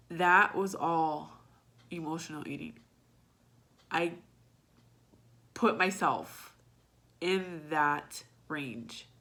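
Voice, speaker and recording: A young woman with a low-pitched voice talks straight to her viewers in a personal vlog. Her tone is bright and forceful, and she is raw and blunt, swearing freely as she speaks. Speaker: vlogger.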